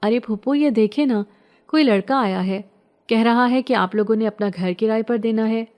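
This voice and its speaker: A frightened, headstrong young village girl, read by a woman narrator, speaking in a high, strained voice. Her tone is warm underneath, a horror storybook heroine. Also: close to an everyday voice. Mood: agitated. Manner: pleading, scared, defiant.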